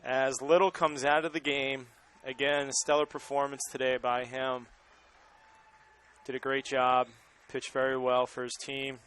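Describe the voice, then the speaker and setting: A man's voice: mid-range voice, little pitch movement, a little slow, a bit bright, clean tone. A man with a Boston accent calling a baseball game live, mixing play-by-play with casual banter.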